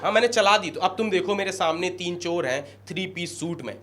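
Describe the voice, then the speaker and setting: A young man performing stand-up comedy on stage, telling a story in an animated way and acting out characters in quick asides. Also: high-pitched. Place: comedy stage before a live audience. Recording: live stage mic with loud audience laughter.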